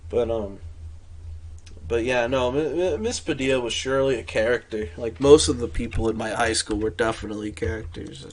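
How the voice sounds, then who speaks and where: A tired young man chatting casually on a late-night stream. He rambles loosely, swears freely and restarts his sentences. His voice sits at an ordinary male pitch. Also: moderate pace.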